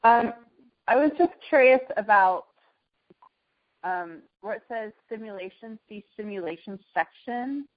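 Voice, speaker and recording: A woman asks quiet, uncertain questions in a casual group discussion as she searches her notes. Her voice sits in a middle range. The recording sounds dull and lo-fi. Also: mid-range voice, lively intonation, measured pace. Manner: soft, unsure, searching through notes. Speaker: workshop participant.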